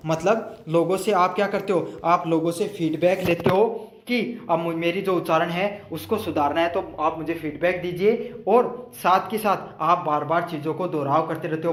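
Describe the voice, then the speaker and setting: A man's voice: on the high side, reverberant, a little hiss or hum. A man tutoring students through exam questions, asking his own questions aloud, answering them and repeating each point in other words. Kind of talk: explaining multiple-choice answers.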